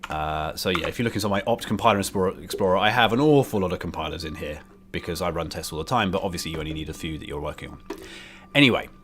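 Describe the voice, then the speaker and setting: A British man with a low voice talks through his programming in a casual, halting way, thinking aloud as he goes. He is indoors on a desk microphone, with some background noise around him. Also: fairly bright tone. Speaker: programmer live-streaming. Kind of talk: casual live coding commentary. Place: indoors by a window. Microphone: desk microphone, bidirectional. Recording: keyboard and street noise behind.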